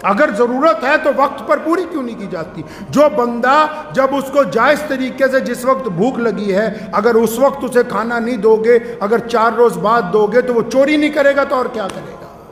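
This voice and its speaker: A man preaching an emotional sermon with a Punjabi-inflected Urdu accent, impassioned and rising to shouts of rebuke. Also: extremely high pitch, normal speed. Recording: echoey hall reverb.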